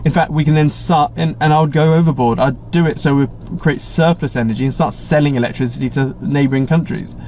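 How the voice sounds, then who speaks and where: Brisk and with few pauses, this English livestream host has a slightly high, darkish voice. He rambles chattily through a casual live Q&A, reading out viewer chat, tossing in blunt asides and restarting often. The stream audio, captured on a webcam setup, is slightly muffled with a little hiss or hum.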